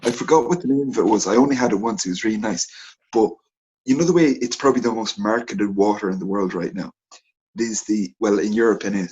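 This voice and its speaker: Husky man telling a rambling story. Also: fairly low pitch, fast, muffled recording. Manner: animated, rambling anecdote-telling. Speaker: podcast co-host. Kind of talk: casual sports podcast chat.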